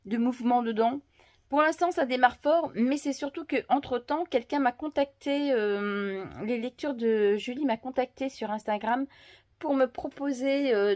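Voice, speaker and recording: A woman's voice: a little high, a little mellow. A woman in a casual home book vlog, talking with many fillers and restarts, and speaking fondly to her dog between thoughts. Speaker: book vlogger.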